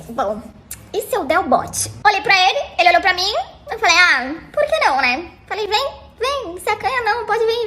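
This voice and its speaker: A young woman with a very high voice tells her own story in a loose, slangy way. Her tone is bright and sharp, and she slips into the voices of the people she describes. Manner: animated, slangy, acts out the other people in the story. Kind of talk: casual personal storytelling.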